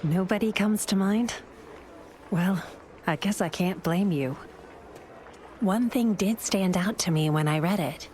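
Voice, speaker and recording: In dramatic game narration and dialogue, a woman voices a thoughtful, idealistic adviser and companion to the hero, reflective and composed with a wry edge. Her mid-range voice is darkish and measured, with long pauses, lightly acted delivery, and slight background noise.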